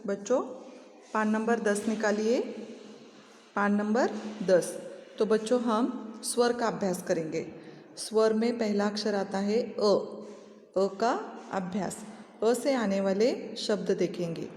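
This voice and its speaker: Slow, patient woman teacher in an echoey room. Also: mid-range voice, darkish tone, a little hiss or hum. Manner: slow, patient, repeats each word for children; mixes in English words for each picture. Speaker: primary school teacher. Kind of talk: recorded Hindi lesson for young pupils. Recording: echoey room with long reverb.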